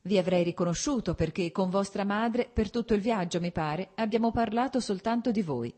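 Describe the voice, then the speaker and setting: Woman reading as a lively, graceful young noblewoman. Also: mid-range voice, normal speed, voice pushed up, lightly acted. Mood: warm, playful. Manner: polite, lightly playful.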